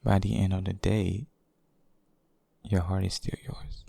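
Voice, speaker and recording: A man voicing a devoted, possessive boyfriend in an intimate, hushed ASMR role-play, speaking haltingly and tenderly. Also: deep voice, level tone, creaky, dry recording, full character voice. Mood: earnest, devoted. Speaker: audio role-play performer.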